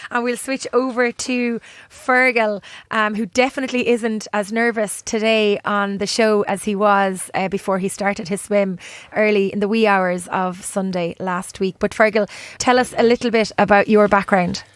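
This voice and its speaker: A woman's voice: medium pitch, flat delivery, moderate pace, few pauses, no room sound. A woman with an Irish accent, presenting and interviewing as a podcast host. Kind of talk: scripted introduction and interviewing.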